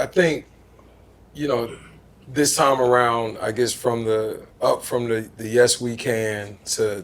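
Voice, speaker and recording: A man in his forties from Atlanta speaks on a panel. He talks conversationally and often restarts his sentences. His voice is of average pitch. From Southwest Atlanta. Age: 40s. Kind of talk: panel discussion.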